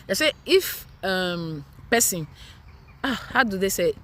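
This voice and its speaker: Nigerian woman, mid-pitch, earnest vlogger mom giving advice, emphatic and repetitive, walking outdoors in a park. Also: very animated, takes it slowly, a bit bright, a little hiss or hum. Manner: earnest, emphatic, repeats for stress. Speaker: mother and vlogger. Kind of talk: casual preachy talk to camera.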